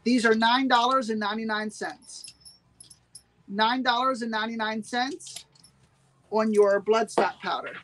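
A woman's voice: a little high, steady tone, a little slow, background noise. A woman hosting a live-streamed sale, chatting with viewers and repeating every price twice. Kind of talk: live-streamed sales pitch.

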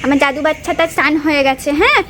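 A mother from West Bengal, India, vlogs about her toddler in a home courtyard, talking affectionately and drifting into baby talk. Her high, animated voice races along with a bright, forceful tone, picked up on a wireless lapel mic with a faint hiss or hum.

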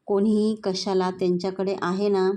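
A woman reading the part of a confident, commanding young man who speaks with calm assurance. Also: medium pitch, moderate pace, close to an everyday voice. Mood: assured.

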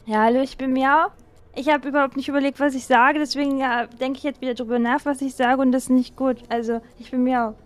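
High-voiced rambling woman. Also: flat delivery, fast talker, smooth. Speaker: game player. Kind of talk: casual game-stream chat.

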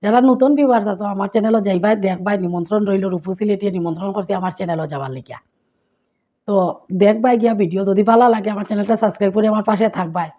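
A woman's voice: medium pitch, rapid-fire, muffled recording. A woman from Sylhet with a Sylheti Bengali accent, vlogging casually and listing local words one after another. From Sylhet, Bangladesh. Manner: repetitive, listing words and their local forms. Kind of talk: casual vlog teaching dialect words.

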